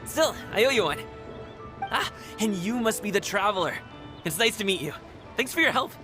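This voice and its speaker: Over game music, an actor plays a friendly young male guard who is cheerful, generous and quick to laugh. He speaks easygoingly at a normal speed, his voice sitting high with lively intonation.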